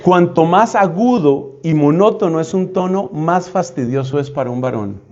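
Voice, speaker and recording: A man's voice: a little high, expressive, normal speed, a little mellow. A man, a priest, giving a conversational, humorous retreat teaching. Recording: dull lo-fi sound.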